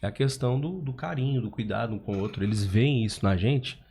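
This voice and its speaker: Guy on a podcast, talks quick, keeps restarting his sentences. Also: medium pitch, darkish tone, slight background noise. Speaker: guest. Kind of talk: casual podcast chat.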